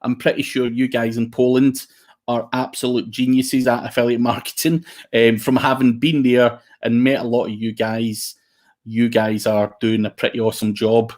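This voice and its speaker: A man with a broad Scottish accent giving an informal online presentation in a blunt, plain-spoken way. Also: medium pitch. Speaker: guest speaker, SEO consultant and trainer.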